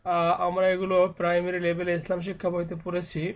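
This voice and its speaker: A man teaching Quran reading in a step-by-step tutorial, patiently explaining and slowly reciting each letter sound. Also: high voice, monotone.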